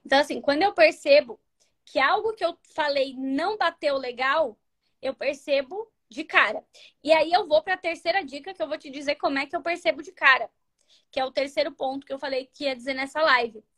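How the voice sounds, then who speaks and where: A Brazilian woman in her thirties talks to her live-stream viewers about relationships in a high, bright voice. She is animated and chatty, acting out little dialogues and sometimes sinking to a near-whisper for emphasis. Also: a little fast. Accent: Brazilian Portuguese. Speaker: live-stream host giving relationship advice. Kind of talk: casual advice talk to viewers.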